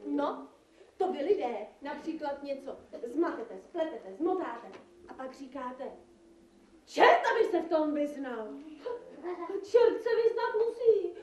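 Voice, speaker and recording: A woman's voice: high-pitched, expressive, darkish tone, a little hiss or hum. A woman playing a cheeky young she-devil who tells stories at a live puppet theater show. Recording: echoey room, from far off.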